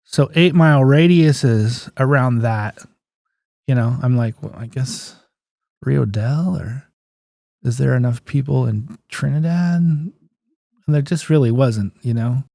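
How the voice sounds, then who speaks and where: Telling anecdotes slowly as an interview guest, this fiftysomething physical therapist who owns a clinic speaks in a gravelly, mellow, medium-pitched voice. He's folksy and plain-spoken, frequently reenacting remembered dialogue, in a clean studio recording with no echo.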